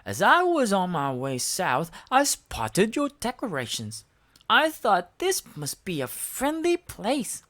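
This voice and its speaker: A woman's voice: mid-range voice, wildly swooping pitch, takes it slowly, fairly bright tone, voice pushed up, heavily acted. A woman voicing a friendly, helpful big bird in a children's storybook.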